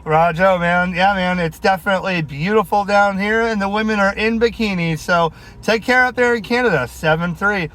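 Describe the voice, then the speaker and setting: A high-voiced man with a bright, forceful tone and fairly even intonation talks casually at normal speed with few pauses. He's a CB radio operator and video host in his vehicle, friendly and heavy on call signs and radio jargon, with radio noise, engine sound, and clicks clearly audible.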